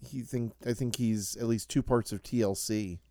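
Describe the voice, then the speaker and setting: A man's voice: mid-range voice, fairly even intonation, moderate pace, dark tone, dry recording. A man co-hosting a casual podcast chat, reading out song facts with fillers and joking asides. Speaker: podcast co-host.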